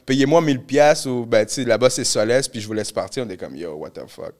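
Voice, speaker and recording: A Québécois man hosting a podcast, telling a story in an animated, slang-heavy way with English thrown in. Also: mid-range voice, a little fast. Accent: Québécois French. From Canada. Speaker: podcast host. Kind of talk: casual storytelling chat.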